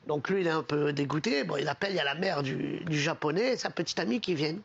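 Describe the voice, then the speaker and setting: Man, casual comic storyteller, husky tone, muffled TV audio. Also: fairly high pitch, fast talker. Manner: casual joke-telling, acts out characters' lines. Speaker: comedian telling jokes on a TV panel show. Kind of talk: telling jokes with voices.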